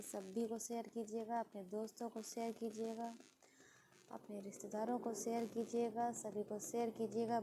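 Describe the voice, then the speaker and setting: A woman's voice: mid-range voice, warm tone, poor audio. A woman from India speaking in a sad, pleading personal vlog, repeating her words as she appeals to her viewers. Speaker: vlogger. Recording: faint background noise.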